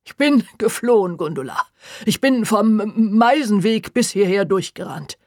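A woman's voice: mid-range voice, expressive, unhurried, dry recording, close to an everyday voice. A rattled middle-aged man, read by a woman narrator, dramatizes his own close call in a self-pitying, complaining tone. The sound is close and dry. It stays in a plain audiobook voice. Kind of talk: audiobook character voice.

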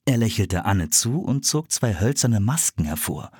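A man narrating a children's storybook in a lively, expressive reading. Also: lowish voice, a little slow, husky, dry recording. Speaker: audiobook narrator.

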